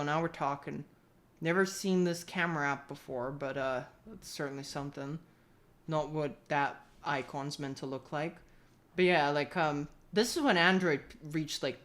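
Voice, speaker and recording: Casting: woman from the UK, deep voice, casual vlogger style, rambling, sweary, opinionated ranting. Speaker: tech vlogger.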